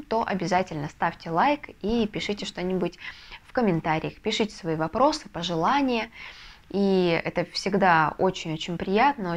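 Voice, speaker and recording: A woman teaching a video lesson, explaining step by step with patient, soft confirmations. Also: fairly low pitch. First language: Russian. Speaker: Spanish language teacher. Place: language school in a Russian city.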